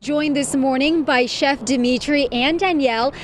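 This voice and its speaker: A woman's voice: high-pitched, moderate pace, a little hiss or hum. A woman working as a field reporter, prompting a guest with upbeat questions during a live outdoor morning news segment. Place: outdoor patio.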